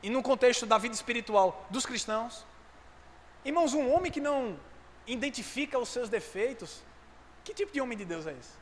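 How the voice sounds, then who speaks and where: A man preaching a sermon, fervent and at times rising to shouts. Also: very high voice, expressive, brisk. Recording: echoey hall with faint noise.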